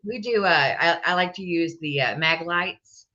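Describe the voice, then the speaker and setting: A man as a guest in a casual chat, enthusiastic and halting, full of fillers. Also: fairly high pitch, pushed and bright. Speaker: guest investigator. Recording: dull lo-fi sound.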